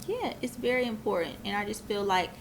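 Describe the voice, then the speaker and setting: A woman in her twenties who owns a business speaks as an interview guest, earnest and reflective, with lots of filler phrases in a casual conversation. Her medium-pitched voice swings widely in pitch and moves at a brisk pace. The audio quality is poor, with slight background noise.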